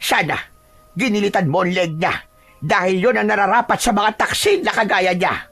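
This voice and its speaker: A woman's voice: mid-range voice, moderate pace, a bit bright, breathy edge. A woman voicing a worried, vengeful older village woman in a narrated horror audio drama, speaking heatedly and with suspicion.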